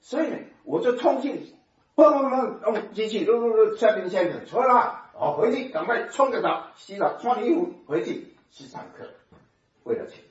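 A man giving a personal testimony sermon, telling his story in an animated way with sound effects. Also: high-pitched, normal speed. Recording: echoey hall from far off, dull sound.

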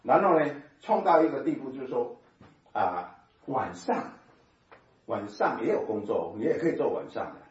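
A man giving a personal testimony sermon, telling his story in an animated way with sound effects. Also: medium pitch, normal speed. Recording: echoey hall from far off, dull sound.

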